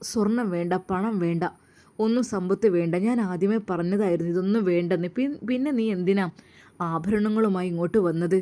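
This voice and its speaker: A woman narrator voices a loving, earnest young husband from a storybook, speaking in long, gentle, heartfelt lines. Her natural voice is medium-pitched and mellow, and she talks a little fast.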